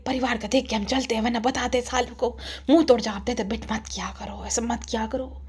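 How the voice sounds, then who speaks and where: A middle-aged mother scolds her daughter in hushed, half-whispered tones, as a woman puts her on. The voice drops lower and softer than ordinary speech, tender but chiding. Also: steady tone, fairly quick, husky.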